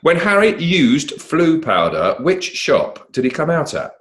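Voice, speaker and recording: A man's voice: a little high, huge pitch swings, a little slow, fairly bright tone. A middle-aged man co-hosting a quiz, reading questions and telling backstage stories. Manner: reads questions cheerfully, chatty and anecdotal. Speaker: quiz co-host.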